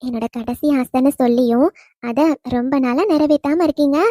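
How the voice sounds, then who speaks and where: Cartoon: loving ghost wife, high mellow voice, teasing, woman performer. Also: steady tone, normal speed, no echo, studio quality. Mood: tender teasing. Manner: affectionate teasing, soft laughs. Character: young wife's gentle spirit, teasing and loving. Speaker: dead wife visiting husband. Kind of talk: cartoon voice acting.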